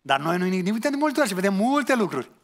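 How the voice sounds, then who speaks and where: High-voiced preacher, earnest and probing. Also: male voice, big pitch swings. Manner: earnest, questioning the listeners, colloquial asides. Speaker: pastor. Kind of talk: sermon.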